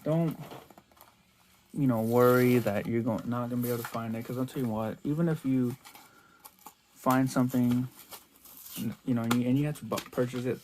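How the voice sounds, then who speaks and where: A man's voice: mid-range voice, fairly even intonation, normal speed, pauses often, darkish tone, slight background noise. A man chatting casually as he unboxes toy cars for his vlog, rambling and restarting his sentences a lot. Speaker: toy car collector vlogger.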